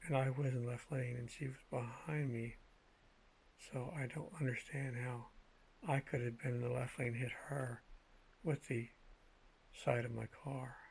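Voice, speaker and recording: A man speaking in a measured, halting way with a gravelly, husky voice, telling personal anecdotes in a casual monologue. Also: mid-range voice, little pitch movement, a little mellow, slight background noise, low-quality recording. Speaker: vlogger telling personal stories.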